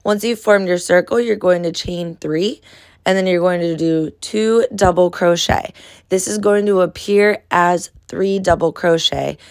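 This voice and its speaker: A woman with a cold talks through a crochet pattern step by step, her voice nasal and stuffed up. She speaks in a low, friendly register and addresses viewers as friends. The recording is close and dry, with no room sound. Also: steady tone, measured pace, smooth, dry recording. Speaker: crochet tutorial host. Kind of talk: casual step-by-step tutorial.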